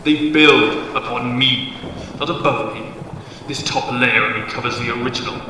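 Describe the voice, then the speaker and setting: In an audio drama, a male actor plays an ancient, menacing devil bound to a bridge, delivering pompous, theatrical declarations in a forceful, warning mood. His voice is medium-pitched at a normal speed. It sounds distant, with a cavernous echo, heavy reverb and noisy ambience.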